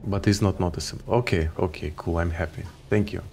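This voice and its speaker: Deep-voiced Ukrainian streamer. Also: male voice, fairly quick, vocal fry, slight background noise. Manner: relaxed, swears offhandedly. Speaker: game streamer. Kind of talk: casual gameplay commentary.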